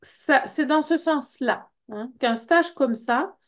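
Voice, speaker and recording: A middle-aged Belgian woman with a high voice and a Belgian French accent speaks slowly and conversationally. She is presenting an informal information evening for a personal development workshop, her talk full of fillers and the tag word "hein".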